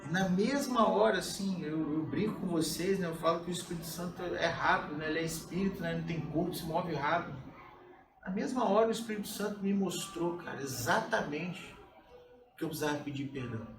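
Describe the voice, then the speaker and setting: A Brazilian man in his forties preaches a sermon in a rather high voice, speaking to the congregation like friends. He sounds distant from the mic in a reverberant room. Music plays steadily behind him. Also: brisk. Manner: conversational, keeps addressing listeners as "cara". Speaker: pastor.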